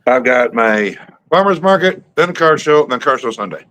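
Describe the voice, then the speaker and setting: A man's voice: mid-range voice, animated, normal speed, fairly bright tone. A man hosting a casual live stream, joking around and thinking aloud in an easygoing way. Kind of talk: casual chat.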